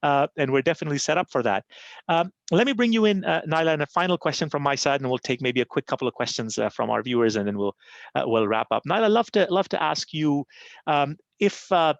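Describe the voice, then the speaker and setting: A man's voice: a little high, expressive, quick pace, gravelly, no echo, dull audio. A man from Pakistan moderating a live panel discussion, talking in a conversational way with lots of "right?" and "you know".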